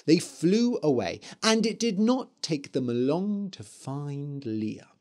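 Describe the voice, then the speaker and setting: A man reading a story aloud for language learners in a slow, clear, expressive way. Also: fairly high pitch. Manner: expressive, deliberate.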